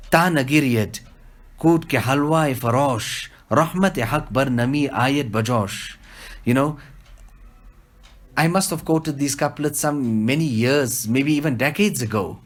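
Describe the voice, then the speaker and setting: A man giving a devotional teaching, telling stories and slowing down to stress key points. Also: mid-range voice. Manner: storytelling, quotes couplets, slows for emphasis. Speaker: religious teacher. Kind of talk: devotional discourse.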